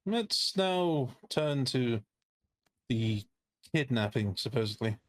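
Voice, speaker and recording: A man's voice: medium pitch, lively intonation, slow, no room sound. A man playing a skeptical, indignant defense lawyer in a role-play game, giving a courtroom closing argument with pointed, sardonic rhetorical questions. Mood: sardonic, incredulous.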